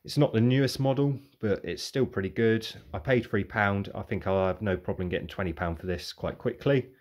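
Casual male vlogger, low-pitched, relaxed rambling delivery. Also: fairly quick. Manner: relaxed, rambling, thinking aloud. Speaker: vlogger reviewing car boot sale finds. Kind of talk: casual show-and-tell.

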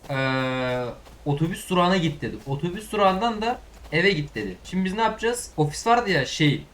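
A young man in his late teens giving excitable, swearing let's-play commentary and talking straight to his viewers. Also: sits high, fairly quick. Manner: excitable, swears, shouts at the game; chatty, talks to his viewers. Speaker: gaming YouTuber. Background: game music.

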